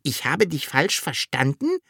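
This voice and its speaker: A narrator voicing a cheeky, childlike creature in a storybook reading, in a high, eager voice. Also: wildly swooping pitch, a little slow, creaky, a bit bright, husky, no echo, clean studio sound, heavily acted.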